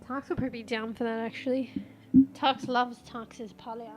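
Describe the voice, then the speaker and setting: A woman with a fairly high voice speaks at a moderate pace in a level tone. She's a congested streamer who is losing her voice, rambling through casual live-stream chat, swearing and reading search results out loud.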